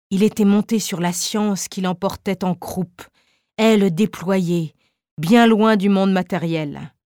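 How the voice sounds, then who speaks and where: A woman narrating a classic novel in a measured, literary audiobook reading. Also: medium pitch, a little mellow, no echo, studio quality.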